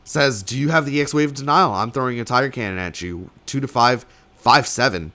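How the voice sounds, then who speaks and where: Casting a card game tournament on his own, a young man who is slightly sick and losing his voice delivers rambling, filler-heavy play-by-play with sudden bursts of excitement. His voice sits at a medium pitch and moves briskly.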